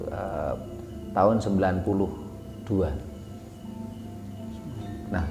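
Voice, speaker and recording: A man recounting his life in a relaxed, halting way, full of fillers and self-corrections. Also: medium pitch. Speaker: guest telling his life story. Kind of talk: casual spoken memoir. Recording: echoey room with long reverb, faint music.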